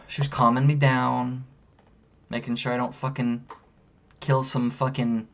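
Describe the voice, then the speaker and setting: A man's voice: medium pitch, takes it slowly, a little mellow, slight background noise. A man ranting casually to camera in a room at home, heated and rambling, swearing constantly. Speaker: vlogger. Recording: dull lo-fi sound.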